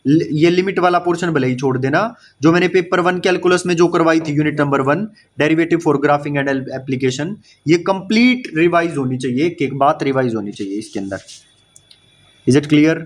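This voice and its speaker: A man's voice: on the high side, normal speed, a little hiss or hum. A man teaching an exam-prep maths class, mixing English terms into Hindi with an Indian accent, explaining step by step and often checking that students follow. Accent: Indian English mixed into Hindi. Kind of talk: online exam-prep lecture.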